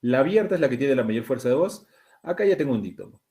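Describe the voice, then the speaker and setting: A man with a Peruvian accent teaching an exam-prep language class, talking students through questions and slowing down to sound out words. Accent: Peruvian Spanish. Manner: animated, pitch jumps high on key words, slows to sound out words.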